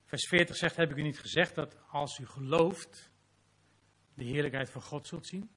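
A man's voice: a little high, normal speed, fairly bright tone, breathy edge. A man preaching a sermon as pastor, reading scripture dramatically and closing in prayer.

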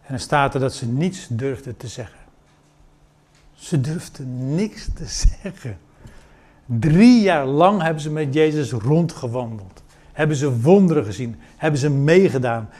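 A man preaching a sermon, retelling a scripture story and acting out the dialogue with lively emphasis. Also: mid-range voice.

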